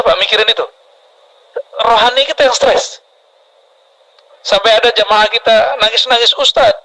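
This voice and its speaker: Lively high-voiced male preacher. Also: low-quality recording. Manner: lively, asks the audience questions. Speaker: Islamic preacher. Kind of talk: sermon to a mosque congregation.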